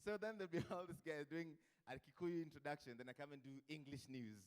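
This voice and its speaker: A man's voice: fairly high pitch, fast talker. A man with a Kenyan accent hosting a live event, chatty and joking, mixing Swahili into his English. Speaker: event host. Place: event hall with a live audience. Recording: long hall reverb.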